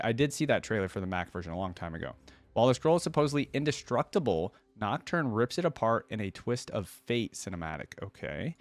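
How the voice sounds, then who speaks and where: In a dry recording, a man with a mid-range voice reads text aloud for a reaction video and riffs on it casually, addressing his audience as "guys" and "dude."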